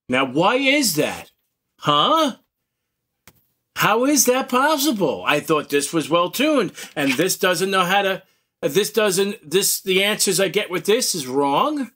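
A man's voice: a little high, a bit bright. A man hosting a radio hobby video, talking bluntly and emphatically while demonstrating gear. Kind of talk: casual demo talk.

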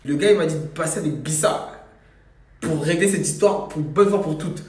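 A man's voice: fairly high pitch, fairly quick, slight background noise. A young man with a French banlieue accent talking casual street slang into a handheld phone, repeating himself insistently. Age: young adult. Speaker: social media vlogger. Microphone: phone at arm's length. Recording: echoey handheld phone recording.

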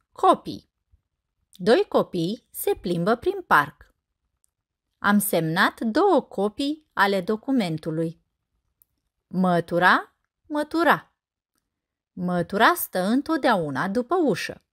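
A woman teacher narrating a scripted lesson, saying example words slowly and carefully. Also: medium pitch.

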